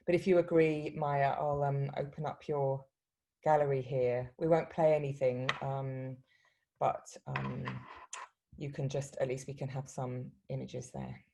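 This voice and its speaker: Woman, very low voice, mellow tone, relaxed informal moderator, video call. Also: measured pace, slight background noise. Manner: relaxed, informal, some fillers. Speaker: session moderator. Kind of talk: moderating an online panel.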